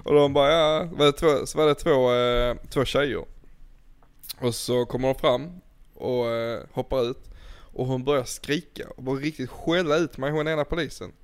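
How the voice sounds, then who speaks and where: A man's voice: mid-range voice, fairly even intonation, clean tone. A young man in casual chat, laid-back and swearing, telling stories with laughs. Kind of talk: casual storytelling.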